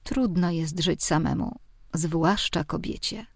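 A woman's voice: sits low, slow, no echo, clean studio sound, full character voice. A woman doing a bossy, meddling mother. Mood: fussing. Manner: scolding, insistent, fussing.

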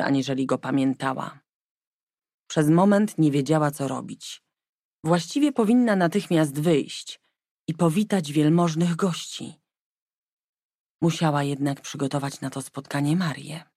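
A woman narrating a historical novel in an even, measured audiobook style. Her voice sits low with a gravelly, creaky texture. The recording is close and dry. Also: dry recording. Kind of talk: scripted narration.

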